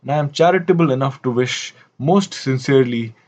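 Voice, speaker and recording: A man's voice: mid-range voice, fairly quick, darkish tone, natural voice. A man putting on a rueful Victorian plant hunter. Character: Victorian male plant hunter reading his memoir.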